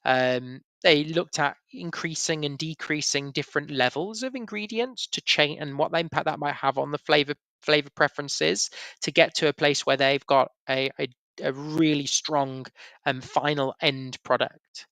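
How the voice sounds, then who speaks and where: Guy giving a webinar talk, bright voice, kinda high, dry close sound. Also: normal speed, no room sound. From Yorkshire, England. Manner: chatty, many fillers and restarts. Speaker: webinar presenter. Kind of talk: casual presentation.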